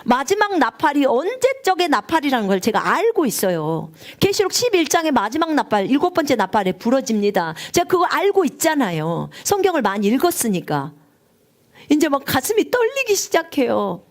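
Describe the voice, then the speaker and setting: A woman missionary preaching a sermon, telling her story with strong emotion, at times rising high and near tears. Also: very animated, normal speed. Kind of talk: live-streamed sermon testimony.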